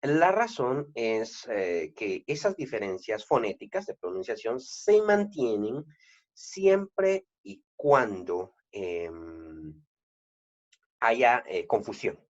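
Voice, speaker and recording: A man with a Guatemalan accent giving a video lesson on grammar, explaining slowly with many "eh" fillers and restarts. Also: mid-range voice, sing-song, highs cut off. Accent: Guatemalan Spanish. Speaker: Spanish grammar teacher.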